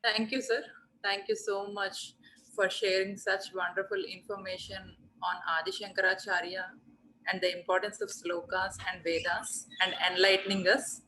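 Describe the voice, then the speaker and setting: A woman's voice: medium pitch, little pitch movement, moderate pace, sharp tone, slight background noise, poor audio. A woman hosting an online event over a video call, politely thanking a speaker and announcing the next part. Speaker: event host.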